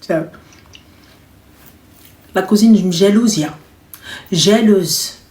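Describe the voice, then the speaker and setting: A woman's voice: medium pitch, extremely slow, mellow, roomy sound. A woman in her thirties hosting a live stream and taking callers, talking in a casual, teasing and joking way. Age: 30s.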